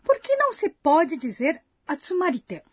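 A woman's voice: sits high, sing-song, moderate pace, over music. A woman as a curious student co-host, asking questions in a scripted lesson. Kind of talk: scripted educational dialogue.

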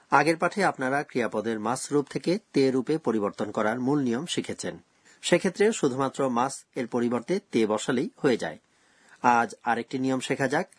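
A man presents a scripted language lesson, walking through grammar rules slowly and with care. His voice is husky, and the recording is dry and close with no room sound. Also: medium pitch, no echo. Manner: slow, careful explaining of grammar rules.

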